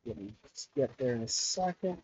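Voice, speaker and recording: A man running a tabletop game as game master, talking in a relaxed, conversational way with frequent restarts. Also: medium pitch, moderate pace, highs cut off. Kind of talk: narrating a tabletop game over voice chat.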